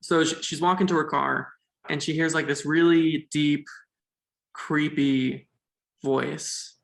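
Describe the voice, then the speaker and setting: A man's voice: on the high side, steady tone, takes it slowly, creaky, fairly bright tone. A man thoughtfully analyzing a film's themes in casual conversation, thinking aloud with fillers. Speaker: podcast co-host. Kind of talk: casual film discussion. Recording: echoey room.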